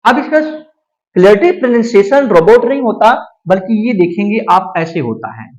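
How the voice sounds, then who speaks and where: A man teaching English pronunciation as a spoken lesson, repeating each word slowly several times and asking and answering his own questions. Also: high voice, very animated, a little mellow, poor audio.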